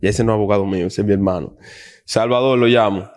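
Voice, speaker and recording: Animated young man storytelling. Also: lowish voice, fast talker. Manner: animated, acts out quoted dialogue. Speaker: guest baseball player. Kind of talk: casual storytelling interview.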